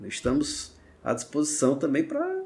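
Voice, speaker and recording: A man's voice: on the high side, wildly swooping pitch, normal speed, a loud crowd. A man, a guest entrepreneur, answering politely and thanking the host formally. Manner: polite, formal gratitude, short affirmations. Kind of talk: casual interview chat.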